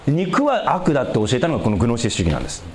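Animated male preacher with swooping pitch. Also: racing, slight background noise. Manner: animated preaching with big pitch swings and light laughter. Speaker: pastor. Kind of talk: sermon.

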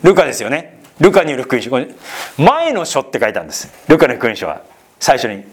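A man's voice: medium pitch, a little fast. A man preaching an expository Bible sermon, talking to his listeners with questions and asides. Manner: lively, rising and falling delivery with asides to listeners. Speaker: pastor.

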